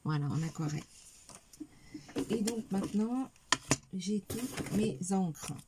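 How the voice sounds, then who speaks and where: There's heavy background noise as a middle-aged craft vlogger chats with viewers, showing each item from her haul in a hesitant, filler-heavy way. Her medium-pitched voice has lively intonation but a slow pace.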